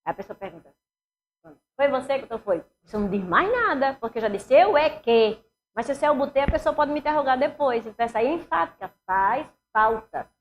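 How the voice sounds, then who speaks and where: A woman's voice: high-pitched, expressive, a little fast, muffled recording, slight background noise. Emphatic Northeastern Brazilian woman teaching. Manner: emphatic, questions the class and answers herself. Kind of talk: exam-prep grammar lesson.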